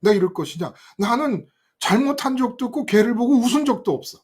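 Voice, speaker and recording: An older man preaching a sermon, telling a story from his youth in an animated way and speaking directly to his listeners. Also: very high voice, a little fast, husky. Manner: animated, acts out quoted voices and addresses listeners directly. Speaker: pastor.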